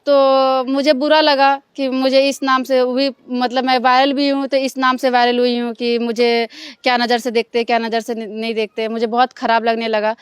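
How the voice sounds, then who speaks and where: A young woman from Bihar, answering interview questions in a casual, halting way full of fillers. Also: on the high side, flat delivery, clean tone, dry recording. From Bihar, India. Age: young adult. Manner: halting, many fillers and restarts. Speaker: stage dancer, interview guest.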